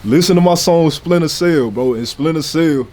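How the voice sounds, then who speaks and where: Brash young St. rapper talking. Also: male voice, on the high side, normal speed, darkish tone. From St. Louis, USA. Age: 20s. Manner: brash, profane, slangy. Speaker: rapper, interview guest. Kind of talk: casual sit-down interview talk.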